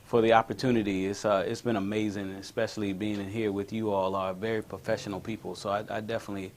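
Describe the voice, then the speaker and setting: A man from South Carolina, raised in Italy, answering questions as a radio guest in an easygoing, halting way with many fillers. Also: fairly low pitch, flat delivery. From South Carolina, raised in Naples, Italy.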